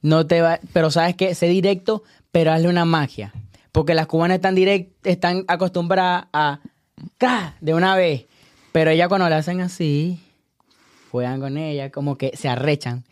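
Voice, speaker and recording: A man giving dating advice in a casual podcast chat, animated and lecturing, often laughing as he talks. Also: on the high side, normal speed, no room sound, studio quality.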